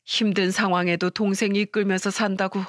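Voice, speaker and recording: A woman's voice: mid-range voice, level tone, brisk, no echo, studio quality, lightly acted. A woman voicing a kind, comforting older father in a storytelling radio reading. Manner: gentle, consoling.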